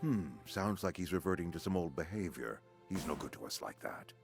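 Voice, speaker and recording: A man voicing a weary, solemn senior secret agent who speaks gravely and deliberately in a video game. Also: deep voice, big pitch swings, over music, heavily acted. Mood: concerned.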